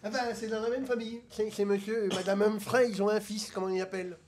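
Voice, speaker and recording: A man's voice: sits high, flat delivery, fast talker, heavy background noise. A man, a guest on a talk show, telling a short joke.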